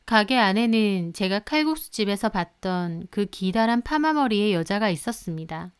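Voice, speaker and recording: A woman's voice: mid-range voice, expressive, moderate pace, smooth. A woman narrating a scripted first-person story in a confiding, conversational way.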